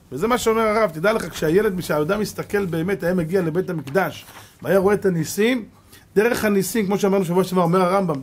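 A middle-aged man, a rabbi giving a Torah lesson to a live audience, animated, full of rhetorical questions, moving between loud exclamations and hushed tones. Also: high-pitched. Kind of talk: sermon.

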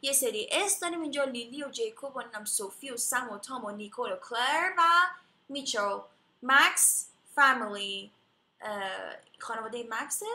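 Bright, high-voiced woman teaching English. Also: echoey room. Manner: explains slowly, has learners repeat words after her. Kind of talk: English lesson in Persian.

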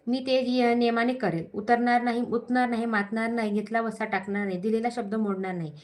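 A woman's voice: a little high, fairly even intonation, a little fast, a little mellow, lightly acted. A woman doing a timid palace maid. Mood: pleading. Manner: questioning, then humbly pleading. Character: nervous young palace maidservant.

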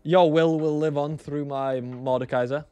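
A young man streaming a strategy game, chatting to his viewers, excitable, repeating himself and bursting into shouts and laughter. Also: fairly high pitch, normal speed, smooth, soft background music. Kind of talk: live gameplay commentary to chat.

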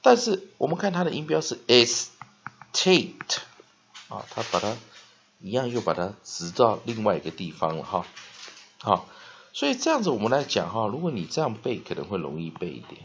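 A man teaching spelling and pronunciation, dotting his speech with "ah" and "ha" and slowly drawing out words to model them. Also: fairly low pitch, wildly swooping pitch, gravelly, fairly bright tone, slight background noise. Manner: frequent "ah" and "ha" fillers, slow drawn-out modeling of words. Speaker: English teacher. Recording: dull lo-fi recording.

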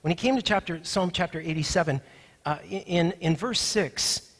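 A man's voice: sits high, normal speed, long reverb tail. A man preaching a sermon as pastor, emphatic and repeating his key points with rising force, in a church sanctuary.

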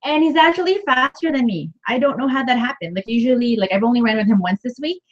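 A woman's voice: a little high, lively intonation, fast. A woman co-hosting a casual live stream, chatty and playful. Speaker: co-host. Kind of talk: casual chat. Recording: dull lo-fi livestream audio.

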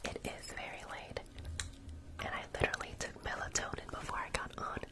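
Whispering young man, ASMR host. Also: a little fast. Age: young adult. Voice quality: unvoiced whisper. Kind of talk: ASMR whispering, casual live chat with viewers. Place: small bedroom, indoors. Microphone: close desktop microphone, sometimes with furry windscreen.

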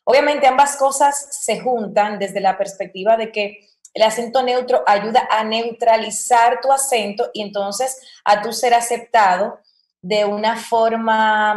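A woman, a voice-over coach, talking in a podcast interview and acting out quoted examples as she explains. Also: medium pitch. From Dominican Republic. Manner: expressive, acts out quoted examples. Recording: roomy echo.

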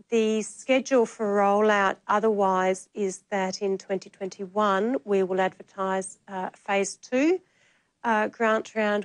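An Australian woman with a mid-range voice gives businesslike updates. She pauses with fillers now and then, and her sound is close and dry. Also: mid-range voice, no echo, poor audio. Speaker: program director panellist. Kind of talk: panel discussion answers.

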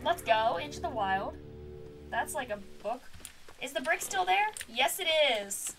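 A woman's voice: high-pitched, sing-song, unhurried, a bit bright, soft background music. Chatty young woman streamer, distant mic. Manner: chatty, amused, reacts aloud to game. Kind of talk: casual gaming commentary. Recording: distant mic with clear noise.

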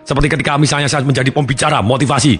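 Animated male motivational speaker. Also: racing, faint music behind. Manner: animated, acts out example voices with big swings in pitch. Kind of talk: motivational talk.

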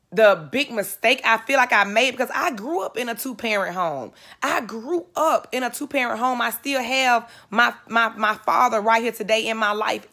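Emotional woman, high voice, near tears. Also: bright, forceful tone. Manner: emotional, earnest, repeats phrases for emphasis. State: close to tears. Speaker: network marketer speaking to live viewers. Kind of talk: live-stream motivational talk.

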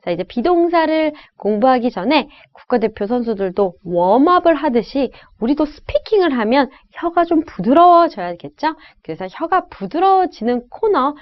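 A woman teaches an English lesson in a bright, high voice that leaps up and down as she coaches. She runs call-and-repeat drills with learners. The sound is a little dull and lo-fi. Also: big pitch swings, normal speed, few pauses. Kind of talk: online lecture.

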